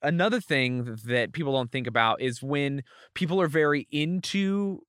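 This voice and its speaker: A man's voice: fairly high pitch, normal speed, fairly bright tone, clear, resonant tone, dry recording, clean studio sound. A man speaking as a podcast guest, candid and self-deprecating, talking openly about himself. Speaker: guest, comedian. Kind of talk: casual podcast interview.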